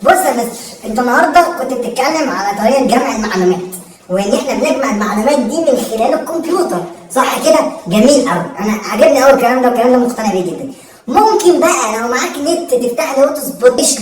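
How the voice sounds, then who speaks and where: A woman's voice: fairly high pitch, natural voice. A woman playing a cheeky, whiny Egyptian schoolboy. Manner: whiny, rapid, mouthy. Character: lazy, hungry, cheeky male schoolboy. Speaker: comic actor. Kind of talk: comedy sketch acting. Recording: echoey room, mic far off.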